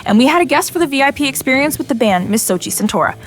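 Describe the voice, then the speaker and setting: A woman's voice: high-pitched, expressive, rapid-fire. A woman reading a scripted introduction in a playful storytelling tone. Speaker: narrator.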